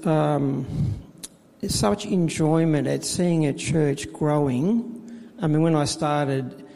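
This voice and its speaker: Gravelly middle-aged man, reverberant hall. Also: medium pitch, mellow. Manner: halting, with many fillers and restarts. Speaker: church volunteer administrator. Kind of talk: personal faith testimony in interview. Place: church.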